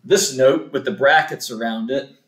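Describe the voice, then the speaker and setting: A man's voice: mid-range voice, normal speed, fairly bright tone. A man serving as church cantor, patiently explaining things step by step to a congregation. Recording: roomy echo.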